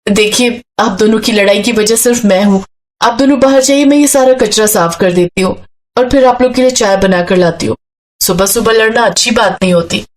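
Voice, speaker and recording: A woman voicing a kind young bride who calmly talks others out of fighting. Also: mid-range voice, brisk, lightly acted. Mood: soothing.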